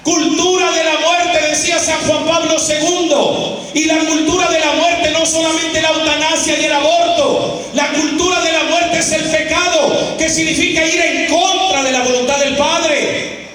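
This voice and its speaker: A man from Arizona preaches a fiery call-and-response sermon to a congregation in a large school hall, shouting, stretching out words for emphasis and getting the crowd to repeat him. His voice is extremely high with little pitch movement. The echoey hall is recorded from far off, with faint crowd and room noise.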